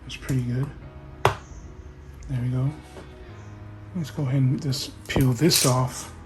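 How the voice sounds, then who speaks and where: A man casually talking through an unboxing in a relaxed, halting way, hosting his own tech video. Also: medium pitch. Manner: relaxed, halting, with fillers and restarts. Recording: music playing behind.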